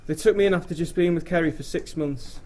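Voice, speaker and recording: A young man makes an informal groom's speech, halting as he works through his thanks. His voice sits fairly high, and the live recording has noise behind it. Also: warm tone. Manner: hesitant, halting delivery. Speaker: groom giving a wedding speech.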